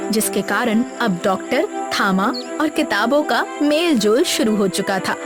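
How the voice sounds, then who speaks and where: Female narrator, animated kids' story, slightly high voice, music bed. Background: background music.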